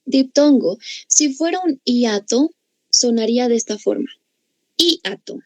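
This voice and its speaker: In a low-quality recording without room sound, a female language teacher with a Bolivian Spanish accent patiently explains grammar and regularly checks on her class. Her voice is a little high, expressive, and dark-toned, and she speaks a little slowly.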